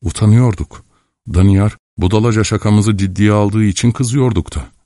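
A man reading an audiobook in a measured, steady narration. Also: on the low side, no echo, clean studio sound. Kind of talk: scripted narration.

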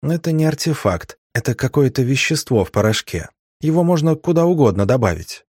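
A man voicing a sharp-tongued young female thief in an audiobook, lifting his voice higher and speaking in a brisk, sardonic way. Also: lively intonation, husky, no room sound, clean studio sound. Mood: explaining. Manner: raised lighter pitch, brisk and sardonic.

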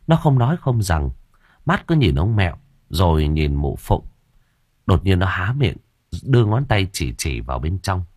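A male storyteller reads an audiobook with a husky, low voice. His telling is dramatic, with a lot of rise and fall in pitch. The sound is close and dry. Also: sing-song, moderate pace, a little mellow, no room sound. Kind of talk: audiobook narration.

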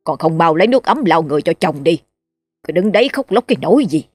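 A woman's voice: lowish voice, very animated, fast talker, husky, no room sound. A woman doing a bossy old village sorcerer. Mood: gruff commanding. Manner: barking orders, scolding.

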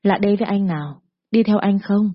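A woman's voice: medium pitch, fast, slightly rough, close to an everyday voice. A woman voicing a cocky, lewd male gangster loan shark who talks in a sneering, bullying drawl. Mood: menacing. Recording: dull lo-fi recording.

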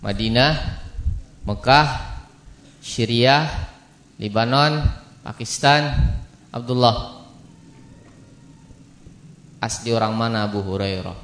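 An Indonesian man teaching a religious study class, quizzing his students and slowly spelling out names. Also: medium pitch, a bit bright, roomy sound, slight background noise. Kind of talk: classroom lesson with questions to students. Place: study hall.

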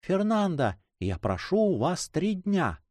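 A man voicing a shy young woman in love, speaking softly and tenderly. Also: high-pitched, very animated, slow pace, no echo, studio quality, voice pushed up, heavily acted. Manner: soft, hushed, tender.

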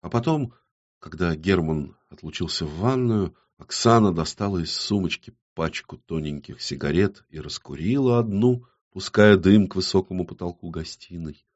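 A man narrating an audiobook in a measured, intimate storytelling manner. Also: lowish voice, muffled recording.

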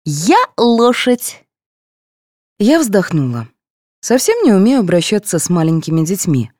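A woman reading a first-person audiobook in a wry, expressive way. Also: on the low side, normal speed, no echo, studio quality. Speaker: audiobook reader.

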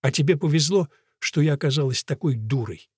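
A man's voice: fairly high pitch, expressive, a little fast, a little mellow, husky, no room sound, clean studio sound. A man reading an audiobook aloud and voicing a middle-aged village woman who earnestly pleads with her old rival. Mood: confessional. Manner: pleading, confessional.

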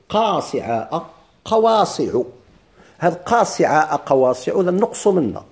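A man with a Moroccan Arabic accent teaching a grammar lesson, quizzing students with quick questions and answers. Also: a little high, warm tone. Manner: chants verse slowly.

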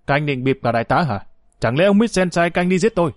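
A man's voice: on the high side, animated, fast, no room sound, studio quality, pitched above the performer's own voice, lightly acted. A man voicing a shrewd young male lieutenant who interrogates harshly. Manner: harsh, commanding.

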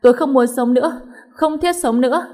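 A woman's voice: medium pitch, moderate pace, lightly acted. A woman voicing a scheming older mother-in-law who shrieks, wails and curses. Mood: shrieking. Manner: shrieking, wailing and cursing.

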